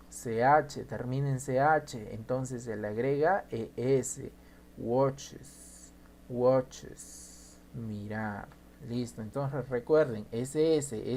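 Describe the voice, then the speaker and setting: A man teaching an English grammar lesson, slowly spelling out and repeating each example. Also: mid-range voice, darkish tone, slight background noise.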